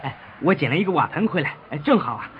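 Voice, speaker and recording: A man's voice: on the high side, big pitch swings, quick pace. Man acting sighing young fisherman, muffled recording. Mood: eager, puzzled. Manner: sighing, exclamatory. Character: poor, weary, good-hearted young fisherman in a folktale. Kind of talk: children's audio story acting. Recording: dull, noisy lo-fi recording.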